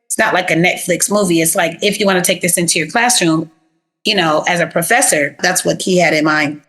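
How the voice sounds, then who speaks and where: Bright-voiced chatty woman therapist. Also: lowish voice, a little fast. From South Florida. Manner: animated, chatty, plain-spoken with slang. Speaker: therapist, interview guest. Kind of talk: casual interview storytelling.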